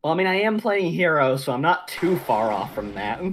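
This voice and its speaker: Sarcastic gamer with a lively voice. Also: mid-range voice, a little fast, a little hiss or hum. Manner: sarcastic, dramatic mock despair. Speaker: player in a card game. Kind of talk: casual gaming chat.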